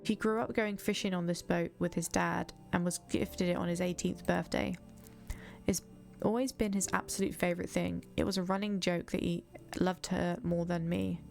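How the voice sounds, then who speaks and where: A woman streamer reading the lines of a gentle young woman in a story game, in a soft, confiding way. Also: fairly low pitch, level tone, moderate pace, gravelly, soft background music.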